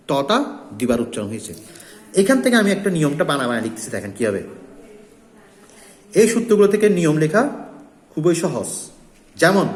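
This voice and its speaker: A man with a Bangladeshi Bengali accent teaches a lesson, his voice pitched a little high. He explains each rule step by step and repeats the key points for emphasis. The recording has a roomy sound with a long, hall-like reverb. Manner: repetitive, emphatic instructional delivery. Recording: echoey room with long reverb.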